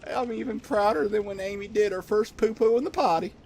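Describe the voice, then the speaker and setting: A man voicing a proud, tearful Southern hick in a high, drawling mock voice, with a put-on American Southern accent. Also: fairly quick, gravelly, darkish tone, slight background noise. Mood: sappy pride.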